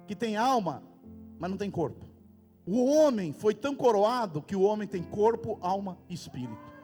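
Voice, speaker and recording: A man with a Brazilian Portuguese accent preaches a sermon in a high, emphatic voice that breaks into loud outbursts. His words ring through a church hall with a long reverb. Faint music plays underneath. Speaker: pastor.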